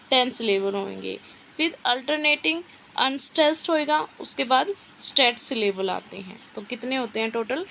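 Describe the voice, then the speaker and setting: A woman teacher giving an exam-prep literature lesson, explaining slowly and asking and answering her own questions. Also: on the high side, vocal fry, sharp tone, slight background noise, rough recording.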